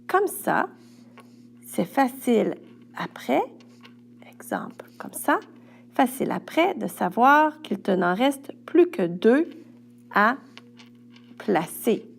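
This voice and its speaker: Quebec woman teacher, slow and patient, light fry in the voice, talking a child through exercises. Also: a little high, very animated. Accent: Quebec French. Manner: patient, speaks directly to a young pupil step by step. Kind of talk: recorded classroom instructions.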